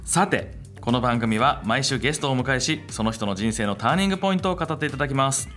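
A middle-aged radio show host and company founder speaks fast at medium pitch with lively intonation, reflective and conversational as he monologues and interviews. He sits at a table in a small room with a table microphone on a stand, soft music playing behind him.

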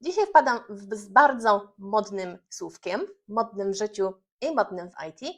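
A woman with a Polish accent gives a casual video lesson on an English word, lively and upbeat. Her voice sits at an ordinary middle pitch, and she keeps things light with easy fillers as she explains. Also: moderate pace. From Poland. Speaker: English teacher.

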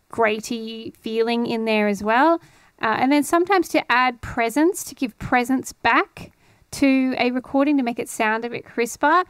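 A woman in her thirties hosts an audio tutorial series from an indoor home studio, explaining things in a casual, encouraging, conversational way. She speaks close into a boom-arm studio mic while wearing headphones. Her mid-range voice is clear and resonant, with no echo.

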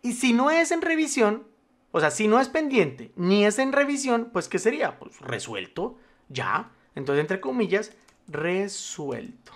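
A man's voice: very high voice, big pitch swings, moderate pace, fairly bright tone. A man teaching a spreadsheet tutorial, explaining step by step, reassuring the viewer and checking in often. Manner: formal address to the viewer, patient step-by-step explaining. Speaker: spreadsheet instructor. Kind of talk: screen-recorded software tutorial.

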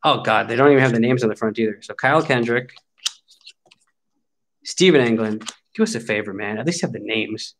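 A man's voice: mid-range voice, fairly quick, pauses often, a little hiss or hum. A man in his forties hosting a card break, opening packs and chatting wryly as he grumbles jokingly about what he pulls. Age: 40s. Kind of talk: casual card-opening commentary.

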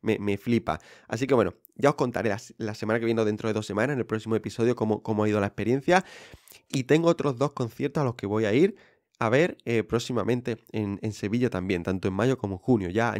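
Chatty young man hosting a podcast. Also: mid-range voice. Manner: chatty, many restarts and fillers. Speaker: podcast host. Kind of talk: casual podcast monologue.

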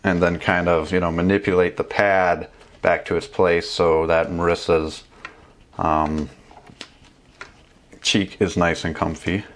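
A deep-voiced man in his thirties, a motorcycle travel vlogger, casually demonstrates a gear install at his desk in a small home room with bookshelves. His tone is level and a little slow, with frequent pauses, and a faint hiss or hum sits under his chatty talk full of fillers and restarts.

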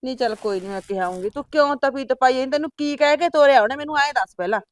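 A middle-aged woman playing a patient older sister and farm-living mother who keeps calming her sibling down. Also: high voice, quick pace, no echo, close to an everyday voice. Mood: placating. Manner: soothing, placating, often asks back "huh?". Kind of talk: village family drama acting.

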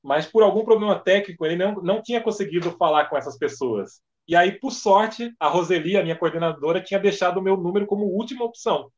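A man, a podcast guest and event organizer, telling stories in lively fashion and acting out dialogue. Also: high voice, quick pace, hardly any pauses. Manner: animated storyteller acting out dialogue. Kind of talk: casual podcast storytelling. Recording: dull lo-fi podcast audio.

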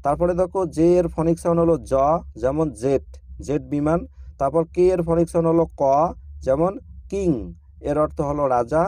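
A man's voice: a little high, warm tone, no echo. A man teaching children English letter sounds in a patient, repetitive lesson style. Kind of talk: slow phonics lesson for children.

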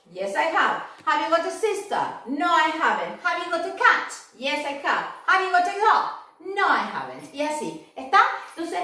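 Woman, English teacher for kids, lively swooping voice, echoey room, distant mic. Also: extremely high pitch. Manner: upbeat, repeats and models English words slowly. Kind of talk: online class for children.

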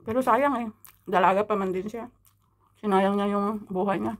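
A woman's voice: mid-range voice, steady tone, normal speed. Middle-aged woman talking while chewing. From Philippines. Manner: chatty, gossipy, laughs often. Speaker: vlogger. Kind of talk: casual mukbang vlog chat.

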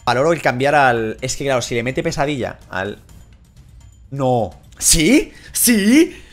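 Excitable, foul-mouthed Spanish gamer man. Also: medium pitch, measured pace, soft background music. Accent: Spain Spanish. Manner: excitable, crude, swears a lot, shouts at the game. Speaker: gaming YouTuber. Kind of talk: casual Let's Play commentary.

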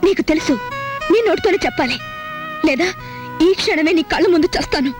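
An actress playing a sharp-tongued young unmarried woman in a film, firing quick retorts. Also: extremely high pitch, over music. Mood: hurt. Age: young adult. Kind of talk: film dialogue.

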